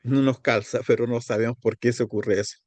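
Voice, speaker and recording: A man teaching a seminary lesson on Greek grammar. He explains step by step and repeats forms slowly. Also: medium pitch, steady tone, darkish tone, dry recording. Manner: explains step by step, repeats words slowly, pauses to find his page.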